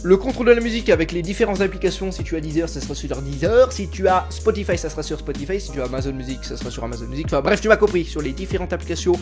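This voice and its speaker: High-voiced joking French man reviewing gadgets. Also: expressive, very fast, hardly any pauses, over music. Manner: jokey, crude, sarcastic asides. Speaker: tech reviewer. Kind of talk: comedic product review vlog.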